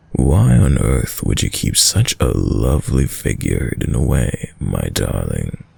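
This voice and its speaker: A man gives an exaggerated performance as a suave, dominant vampire lord in an intimate audio roleplay, his very deep, gravelly voice lingering over words. He sounds courtly, seductive and predatory, menacing throughout, and the audio has no echo.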